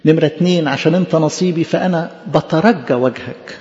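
A man's voice: on the high side, fast, a little mellow. A man preaching a sermon in an Egyptian Arabic accent, impassioned and pleading, repeating phrases for emphasis. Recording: echoey hall, dull lo-fi sound.

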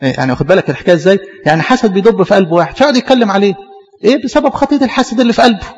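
Fast-preaching Egyptian man in a hall. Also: sits high, muffled recording. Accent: Egyptian Arabic. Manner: rapid, repetitive preaching with rhetorical questions. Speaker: pastor. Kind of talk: Coptic church sermon.

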